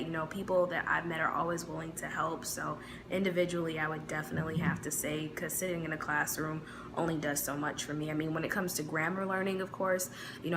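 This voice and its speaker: A woman from the United States with a Midwestern American accent chats casually to the camera as a vlogger, relaxed and using lots of fillers. Her voice is low-pitched, and there's background noise.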